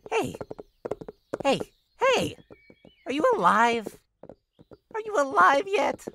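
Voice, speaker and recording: A flirty, possessive demon jester from a horror game. The delivery is theatrical and hugely animated, sliding between singsong teasing and sinister purrs at an unhurried pace. There is clear noise behind the voice. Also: female voice, high voice, heavily acted. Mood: teasing, gleeful. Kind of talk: visual novel horror game character acting.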